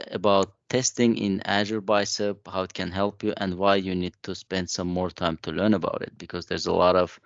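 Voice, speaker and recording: A man co-presenting a tech session in a relaxed, conversational way, with frequent fillers. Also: low voice, no echo, muffled recording. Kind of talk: casual conference chat.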